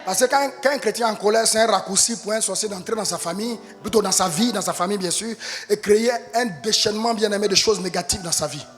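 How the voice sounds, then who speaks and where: High-voiced man preaching a fiery sermon. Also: quick pace, big-room sound, soft background music. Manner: impassioned preaching, rising to shouts. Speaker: pastor. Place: church.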